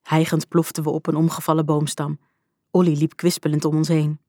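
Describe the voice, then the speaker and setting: A woman reading a storybook aloud in the first person, with a lively, vivid telling. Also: low voice, a little fast, no echo, studio quality. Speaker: audiobook narrator. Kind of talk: scripted storybook narration.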